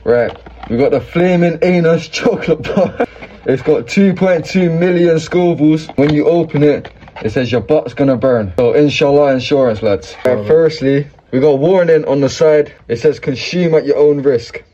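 A man's voice: fairly high pitch, moderate pace, dark tone. A young man with a British urban accent chatting casually and laddishly in a food challenge video, full of slang. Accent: British urban multicultural slang. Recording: dull lo-fi audio, clear background noise.

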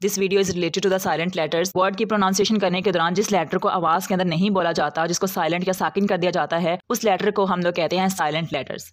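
A woman teaching English pronunciation in a patient, methodical lesson, repeating each rule as she goes through examples. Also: fairly low pitch. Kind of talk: explanatory lesson.

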